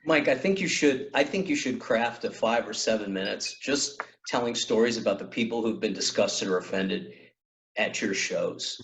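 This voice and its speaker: A man's voice: fairly low pitch, moderate pace, fairly bright tone. A man hosting a podcast, adding wry, joking comments in casual chat. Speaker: podcast host.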